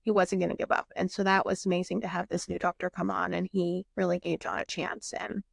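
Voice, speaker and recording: A young woman with a gravelly, creaky edge to her voice tells a painful personal story in a candid, raw way, acting out each exchange and letting the odd curse slip. The sound is close and dry, with no room around it. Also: fairly low pitch, level tone, fairly quick, dry recording. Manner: emotional, candid, swears, reenacts dialogue. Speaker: podcast host. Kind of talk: casual podcast storytelling.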